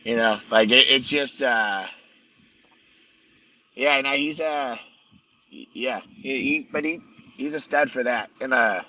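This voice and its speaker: A man's voice: mid-range voice, slow pace, long pauses, pushed and bright, dull audio. A man guest telling a story in casual conversation, blunt and profane, rambling with many restarts. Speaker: podcast guest.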